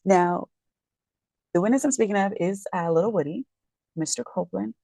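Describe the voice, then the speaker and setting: A woman who is a real estate agent and legal commentator talks casually about a court case from home late at night, rambling, correcting herself and apologizing as she goes. Her tired, worn voice is medium-pitched, gravelly and mellow at a normal speed, with no echo.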